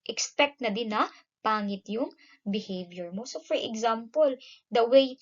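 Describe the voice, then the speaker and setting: A Filipino woman teaching a class, explaining terms with frequent "no?" tag questions and an emphatic, lively delivery. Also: fairly high pitch, measured pace, muffled recording. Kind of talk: classroom lesson.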